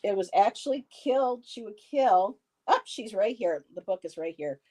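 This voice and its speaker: Animated and darkish in tone, her medium-pitched voice moves at normal speed. She's in her fifties, hosting a live stream with a friend, chatting casually, reading viewer comments, rambling and laughing frequently.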